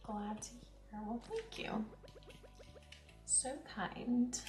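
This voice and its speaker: A woman's voice: a little high, steady tone, very slow, darkish tone, roomy sound, faint music behind. A young woman from Canada with a central Canadian accent, chatting casually with her viewers while playing a farming game. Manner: chatty, reads chat aloud, giggly asides. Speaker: streamer. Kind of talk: casual gameplay chat.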